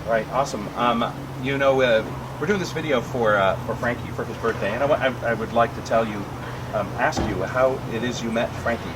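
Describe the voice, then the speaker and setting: A man's voice: mid-range voice, fairly quick, noisy background. A man interviewing people on the street, asking casual questions with many fillers and upbeat replies.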